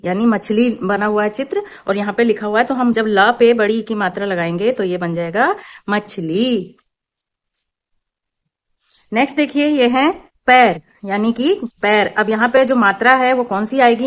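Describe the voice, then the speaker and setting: A woman hosting her own channel, explaining a children's worksheet slowly and patiently as a teacher, mixing in English words. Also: mid-range voice.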